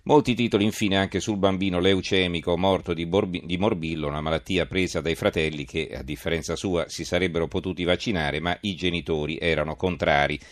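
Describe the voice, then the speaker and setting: A man with a low voice presents a press review on live radio. He reads headlines and adds his own commentary. The sound is dry and close, as from a studio microphone. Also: steady tone, brisk, hardly any pauses, no echo.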